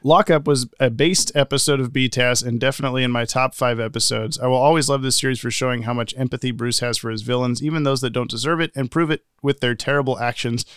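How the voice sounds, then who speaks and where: Sex: male. Role: podcast co-host. Style: casual, playful chat, reading out comments. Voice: smooth and resonant, medium pitch. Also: fairly even intonation, fast talker, few pauses, fairly bright tone, dry recording, studio quality. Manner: playful, laughs often.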